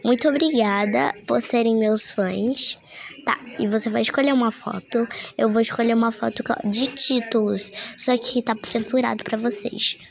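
A woman's voice: fairly high pitch, fairly even intonation, moderate pace, gravelly. A woman giving a casual, chatty app tutorial, full of fillers and little detours. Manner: chatty, meandering, lots of fillers. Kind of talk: casual screen-recorded tutorial.

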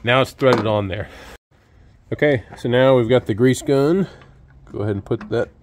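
A man talks through a sawmill repair in a relaxed, step-by-step way, with plenty of fillers along the way. His voice sits in an ordinary middle pitch. He is recorded outdoors on a handheld camera close to the machine, with a faint hiss in the background. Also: moderate pace. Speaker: sawmill owner showing a repair. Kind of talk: casual how-to demonstration. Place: outdoors at a sawmill under an open shed.

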